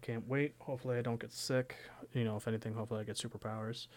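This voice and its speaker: A man's voice: mid-range voice, steady tone, racing, a little mellow. A young man co-hosting a sports podcast, talking casually and rambling with lots of "you know". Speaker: podcast co-host.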